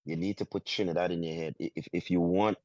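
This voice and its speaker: A man from Guyana with a Guyanese accent, a soca artist talking in a casual interview, halting and full of restarts. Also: sits low, fairly even intonation, a little mellow, no echo. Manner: halting, many restarts, drawn-out phrases. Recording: dull, muffled sound.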